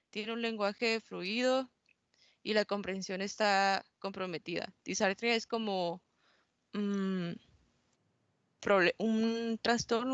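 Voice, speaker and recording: A young woman works through a class presentation, pausing often with fillers and correcting herself as she goes. Her voice is smooth and clear at a middling pitch. The recording is dry and a little dull, with no room sound. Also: fairly bright tone, no echo. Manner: hesitant, many fillers and self-corrections. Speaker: student presenter.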